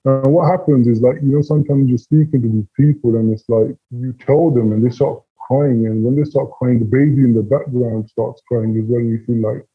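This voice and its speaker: A man's voice: medium pitch, steady tone, brisk, few pauses, husky, highs cut off, soft background music. A man with a British accent giving casual, rambling interview answers over a video call, full of fillers and repeats. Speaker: interview guest, former call center scammer.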